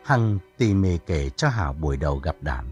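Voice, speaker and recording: Deep-voiced male story narrator. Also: lively intonation, moderate pace, over music.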